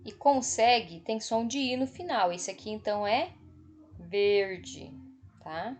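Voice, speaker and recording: Speaking with a Brazilian Portuguese accent in a medium-pitched, darkish voice, a Brazilian teacher leads an online spelling class for kids. She goes slowly and patiently, saying every word twice, checking on the class, and marking words on the screen.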